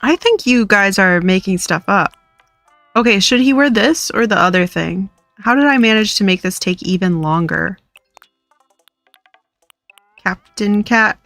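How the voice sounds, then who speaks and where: A woman's voice: mid-range voice, a little slow, long pauses, a bit bright, no room sound. A woman streamer chatting casually and playfully to her viewers while playing a game, often laughing. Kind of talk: casual live-stream chat while gaming. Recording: dry close mic with faint music.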